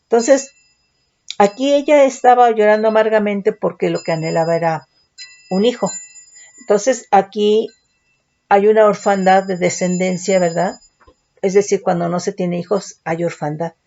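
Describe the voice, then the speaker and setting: A woman's voice: medium pitch, mellow, lo-fi sound. A woman teaching a Bible study, reading verses aloud and explaining them, often checking in with her listeners.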